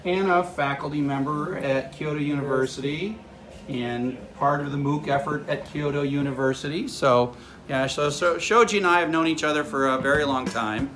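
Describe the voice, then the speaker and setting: A man's voice: fairly high pitch, moderate pace, a crowd in the background. A man in his sixties, an online course instructor, chatting casually to a phone held at arm's length in a small karaoke room. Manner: chatty, upbeat, frequent uh fillers. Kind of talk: casual video update. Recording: echoey room with music behind.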